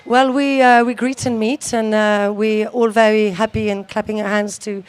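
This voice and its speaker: This outdoor school founder speaks in a medium-pitched, level voice with a clean tone and measured pace. Interviewed on radio at an outdoor event, she shifts between English and French and talks fluently, though with many fillers and restarts.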